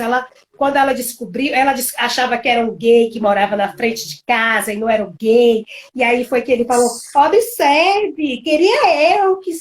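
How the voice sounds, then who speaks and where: High-pitched lady on a live video call, telling a wild family story all dramatic and animated. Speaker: co-host of a couples live stream. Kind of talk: casual storytelling.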